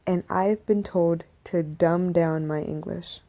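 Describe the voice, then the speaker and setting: A thirtysomething woman hosting a podcast reflects casually for her listeners, breaking off into asides and restarting her thoughts, all on a live stream from her phone. Her lowish voice is steady, slow and warm, with vocal fry.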